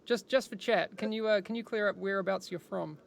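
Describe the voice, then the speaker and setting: A man's voice: sits high, brisk, vocal fry. A man hosting a live-streamed interview, chatty and rambling, with frequent restarts and checks like "is that correct?". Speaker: livestream host interviewing developers.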